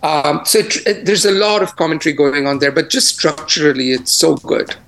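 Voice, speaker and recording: Co-host, male, slightly higher voice with gravel, heard over a crunchy bitcrushed internet call from home, easygoing and halting. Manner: relaxed, with many fillers and restarts. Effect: crunchy, bitcrushed internet-call audio. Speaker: film reviewer and co-host. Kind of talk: casual review chat. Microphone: internet video call.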